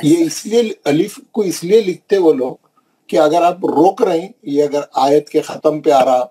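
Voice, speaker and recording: A man teaching Quran recitation in an online class, drilling syllables slowly and checking in with his students. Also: fairly high pitch, mellow, breathy edge, poor audio.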